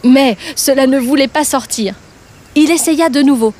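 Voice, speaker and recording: A woman narrating a children's story in a gentle, clear and expressive way. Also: high voice, normal speed.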